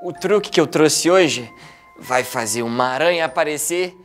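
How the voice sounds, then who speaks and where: A man's voice: fairly high pitch, normal speed, close to an everyday voice. A young man playing an amateur magician in a children's show, announcing his tricks in a showy ringmaster manner. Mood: showy, proud. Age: young adult. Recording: music behind the voice.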